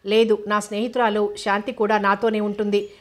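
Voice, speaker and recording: A woman's voice: mid-range voice, brisk, lightly acted. Woman reading as a frank young woman student. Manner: frank, lively chatter. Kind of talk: audiobook character reading.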